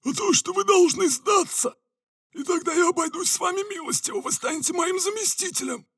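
A man's voice: very high voice, fairly quick, gravelly, fairly bright tone, no room sound, clean studio sound, pitched above the performer's own voice, full character voice. A man voicing a power-hungry male villain ruler who bellows pompous commands in an audiobook. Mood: bellowing, commanding. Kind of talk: audiobook character voice.

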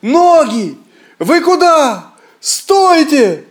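Мужчина озвучивает молодого крестьянина, который то кричит в испуге, то стыдливо бормочет себе под нос. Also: male voice, high voice, takes it slowly, warm tone, pitched above the performer's own voice. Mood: frightened. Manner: rueful muttering to himself. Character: young peasant Ivan, scared then ashamed.

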